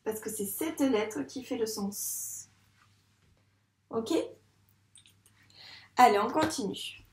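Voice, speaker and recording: A woman teaching a reading lesson to young children in a patient, encouraging way, sounding out words slowly at the board. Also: fairly high pitch, darkish tone, echoey room, slight background noise. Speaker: primary school teacher. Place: classroom with a board.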